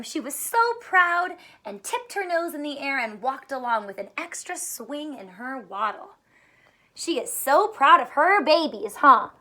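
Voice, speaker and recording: An elementary school teacher reads a storybook aloud to young children, expressive and full of questions and asides aimed straight at them. Her voice is high-pitched, pushed and bright.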